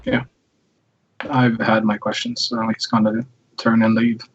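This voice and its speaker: A man playing his character in a tabletop game, with a calm, dry, measured way of speaking and a husky voice. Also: lowish voice, highs cut off, slight background noise. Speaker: player.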